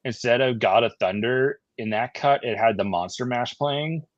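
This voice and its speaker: A man's voice: mid-range voice, moderate pace, no room sound. A man co-hosting a casual podcast who explains his views in a thoughtful way. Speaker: podcast co-host. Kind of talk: casual chat. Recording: dull lo-fi sound.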